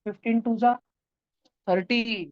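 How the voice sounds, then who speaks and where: A woman's voice: a little high, fairly even intonation, unhurried, a little mellow, dry recording, highs cut off. A woman teaching a math lesson to children in an online class, turning numbers into story characters and acting out their lines. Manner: playful, acts out number characters in voices.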